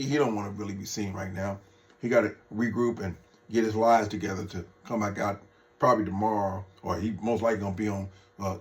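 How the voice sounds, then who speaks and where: Guy ranting on his vlog, heated and mocking, swears a lot, talks to the folks watching. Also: fairly low pitch. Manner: talks straight to viewers as folks. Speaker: political vlogger. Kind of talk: off-the-cuff political rant.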